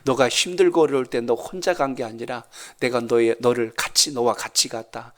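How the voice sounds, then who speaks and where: A man voicing the Lord gently reassuring a young man in a sermon story. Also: mid-range voice, fairly even intonation, normal speed, close to an everyday voice. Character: the Lord, gentle comforting divine voice.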